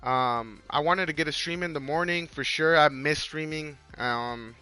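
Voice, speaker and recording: A man in his twenties chatting casually on a livestream with a hoarse, worn-out voice, rambling in slang and repeating his phrases. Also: fairly high pitch, a little slow, bright, forceful tone, faint music behind. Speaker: live game streamer.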